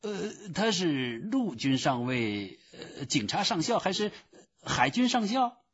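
A man's voice: fairly high pitch, sing-song, unhurried, slightly rough, voice pushed up, heavily acted. A man voicing a hesitant, fussy male clerk on the telephone who keeps stammering "uh". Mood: puzzled. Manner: filler-laden, stammering "uh". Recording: dull lo-fi recording.

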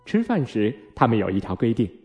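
A man reading a children's storybook aloud in an expressive, unhurried way. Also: mid-range voice, faint music behind. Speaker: narrator.

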